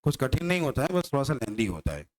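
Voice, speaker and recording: A man's voice: medium pitch, very animated, fast. A male maths teacher lecturing a class, teasing his students and firing rhetorical questions at them.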